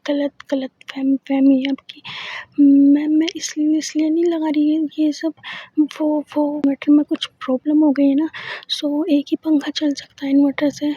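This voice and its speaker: A woman's voice: high-pitched, darkish tone, no echo, dull audio. A woman voicing a shy, flustered young woman who stammers when caught off guard.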